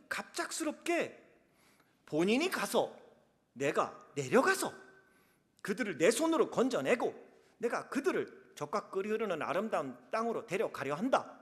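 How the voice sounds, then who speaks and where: Male pastor preaching, dramatic, swings soft to loud, long church echo. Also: high-pitched. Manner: dramatic, swings between soft and emphatic delivery. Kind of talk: sermon. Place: church sanctuary. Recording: reverberant church hall.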